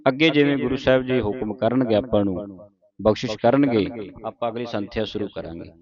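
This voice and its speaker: A man teaching how to pronounce scripture. He recites verses slowly and repeats words syllable by syllable, checking often that his students understand. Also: mid-range voice, muffled recording, crowd noise. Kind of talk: slow recitation lesson.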